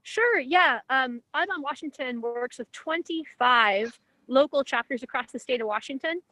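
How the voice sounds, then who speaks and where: Woman coordinator, fairly high pitch, dry close sound, friendly explainer. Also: animated, normal speed, bright, forceful tone, no echo, rough recording. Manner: friendly, informative. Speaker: nonprofit coordinator. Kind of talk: casual explanation.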